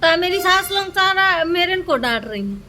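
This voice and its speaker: Woman vlogger, very high voice, bright and sharp tone, aggrieved complaining storytelling. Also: lively intonation, moderate pace. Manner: aggrieved, complaining, repeats "bhai" often. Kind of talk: casual vlog storytelling.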